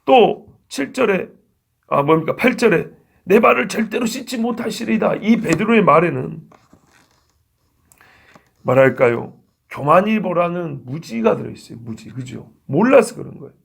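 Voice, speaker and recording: A man's voice: fairly high pitch, big pitch swings, measured pace, gravelly, long pauses, slightly rough. A male pastor preaching a sermon, who keeps asking the congregation questions and answering them himself.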